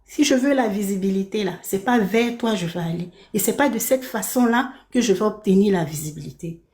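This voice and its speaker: A woman's voice: medium pitch, animated, fairly quick, a little mellow, roomy sound. A woman from Belgium on a heated live stream, speaking from her apartment, indignant and repeating her points.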